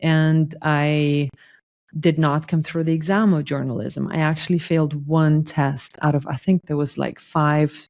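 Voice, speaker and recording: Mellow-voiced woman from Lithuania. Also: deep voice, flat delivery, a little slow. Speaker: sales guest. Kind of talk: conversational interview.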